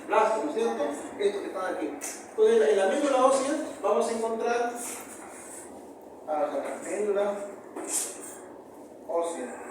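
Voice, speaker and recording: Peruvian male professor, high-pitched, repeats terms and quizzes the class; distant, reverberant classroom audio. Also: animated, moderate pace, pauses often. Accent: Peruvian Spanish. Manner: repeats key terms, asks the class rhetorical questions. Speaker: histology professor. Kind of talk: university lecture. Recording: very echoey room, far from mic, noisy.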